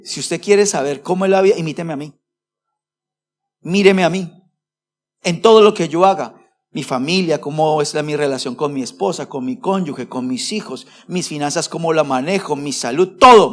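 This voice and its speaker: A man preaching a sermon as pastor. He asks the congregation rhetorical questions and speaks to them directly, swinging between loud stressed words and low, quiet phrases. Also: vocal fry. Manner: addresses the congregation directly and formally.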